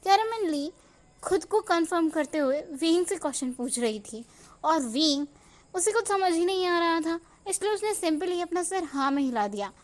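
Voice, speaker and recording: High-voiced woman narrating a fan story. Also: expressive, normal speed. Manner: switches to acted dialogue for characters.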